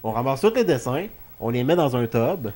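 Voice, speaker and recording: A man with a Quebec French accent hosts in an ordinary mid-pitched voice. His delivery is loose and chatty, with an informal, joking manner suited to studio banter about wrestling. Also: expressive, moderate pace, a little mellow. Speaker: wrestling talk show host. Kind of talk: casual studio chat.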